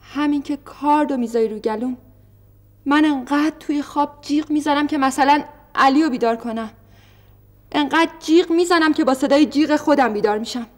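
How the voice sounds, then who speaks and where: A woman's voice: high-pitched, natural voice. An actress playing a frightened young wife in a televised stage drama, telling her mother about her nightmares with an anxious, pleading manner. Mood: troubled. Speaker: daughter.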